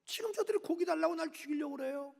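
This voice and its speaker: A man's voice: very high voice, fast talker, gravelly, darkish tone, voice pushed up. A man acting out Moses as a desperate leader pleading and complaining to God. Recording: echoey church hall.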